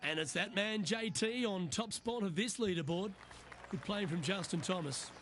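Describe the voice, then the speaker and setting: A male golf commentator calls shots for video game coverage. His voice is high, with a light crowd behind him. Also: normal speed, a bit bright. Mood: excited. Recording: crowd and faint noise behind.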